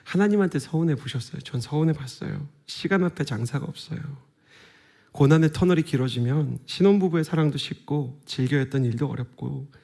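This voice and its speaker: A man in his thirties, a guest pastor giving a revival sermon in a church, earnest and conversational with soft whispered asides. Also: a little high, a little fast, gravelly. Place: church sanctuary.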